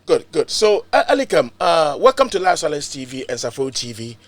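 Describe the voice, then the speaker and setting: Excitable Ghanaian man hosting a live show. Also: a little high, fairly quick. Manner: excitable, repetitive, swings between loud and soft. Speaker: host of online political show. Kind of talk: animated political talk and live interview.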